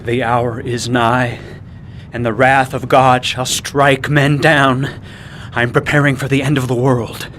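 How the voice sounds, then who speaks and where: A man's voice: medium pitch, little pitch movement, unhurried, fairly bright tone, slight background noise, lightly acted. An actor playing a fearful religious zealot man who preaches about doom and breaks into frantic screams. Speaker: suspect in a game cutscene.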